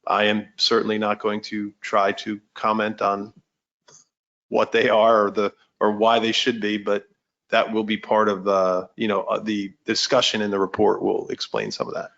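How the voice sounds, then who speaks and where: A man with a lowish voice leads a roundtable discussion, talking loosely with lots of "you know" and restarts. The audio is dull and muffled, like a video call. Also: monotone, normal speed, vocal fry, a bit bright. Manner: chatty, many fillers and restarts. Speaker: meeting moderator. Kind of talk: casual meeting discussion.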